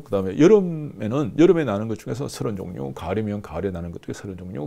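A man's voice: on the low side, creaky, warm tone. A man in his fifties giving a lecture to camera in a small studio on a lapel mic, explaining with many fillers and hand gestures. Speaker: business course instructor. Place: small indoor studio with screen backdrop.

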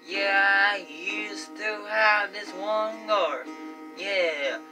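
A man's voice: high voice, very slow, low-quality recording. Drawling Southern young man with guitar. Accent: Southern American. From Georgia, USA. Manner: rambling, loose folksy delivery. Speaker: amateur singer-songwriter. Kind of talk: singing his own song on acoustic guitar. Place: small bedroom, indoors. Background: his own acoustic guitar.

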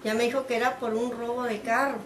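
A woman's voice: on the high side, fast, slight background noise. A middle-aged woman from Mexico, telling an interviewer what happened to her daughter and acting out the dialogue as she goes. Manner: animated storytelling, acting out quoted dialogue. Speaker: interviewee, mother of the detained woman. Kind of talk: emotional personal account. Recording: echoey room.

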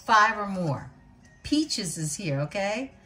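A woman giving a tarot reading, calling out names and signs in an unhurried way and calling her viewers beautiful ones. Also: medium pitch, big pitch swings, sharp tone, faint music behind. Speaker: tarot reader.

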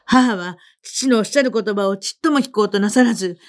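A woman narrating a literary story in the first person, in a measured reading voice. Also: medium pitch. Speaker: reader.

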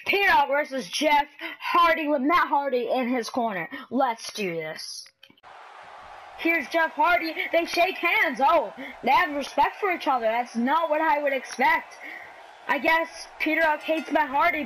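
A woman casually commentating on a wrestling video game as she plays, calling the action in an excitable, scrappy way. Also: high-pitched, normal speed, slight background noise, low-quality recording.

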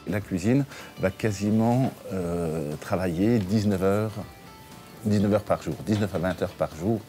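Deep-voiced restaurant owner, relaxed and chatty. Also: male voice, measured pace, faint music behind. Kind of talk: interview. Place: his restaurant dining room.

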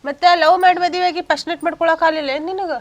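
A woman's voice: very high-pitched, fairly even intonation, crowd noise. A young woman playing a scornful, reproachful bride with a North Karnataka Kannada accent in a village comedy skit. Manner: rapid, reproachful. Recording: loud background noise.

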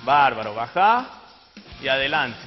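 A young Argentine man works as a fitness trainer in a TV studio, instructing and encouraging viewers through a live exercise demo. His mid-range voice is very animated yet unhurried. The broadcast audio sounds dull and echoey, with music playing behind him.

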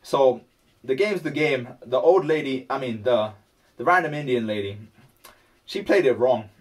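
A man's voice: mid-range voice, animated, moderate pace, recorded from a distance. A man vlogging casually while he paints, rambling and talking to himself.

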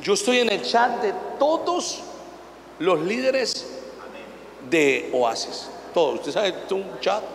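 A man's voice: sits high, sing-song, takes it slowly, slight background noise. Man preaching in an echoing hall. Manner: folksy storytelling, acts out anecdotes, rising to shouted exhortation. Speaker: apostle preaching to pastors. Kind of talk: conference sermon. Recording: echoey hall reverb, faint ambience.

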